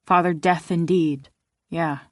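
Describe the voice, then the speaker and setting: A woman's voice: lowish voice, fairly even intonation, slow pace, no room sound, studio quality. A woman narrator voicing Jennifer, a guarded, wry young woman who talks in a subdued way. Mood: brooding.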